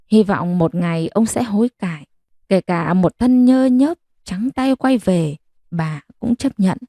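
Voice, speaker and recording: A woman calmly reading a long bedtime story aloud as narrator. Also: mid-range voice, no echo, studio quality. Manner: calm, even storytelling.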